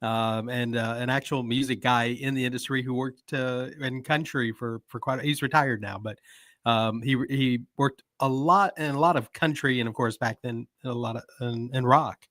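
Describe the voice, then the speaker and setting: A man co-hosting a podcast, telling a story slowly and filling it with "uh" and "you know". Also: medium pitch, steady tone, a bit bright, no echo, studio quality. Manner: hesitant, lots of uhs and you-knows. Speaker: podcast co-host. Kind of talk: casual storytelling.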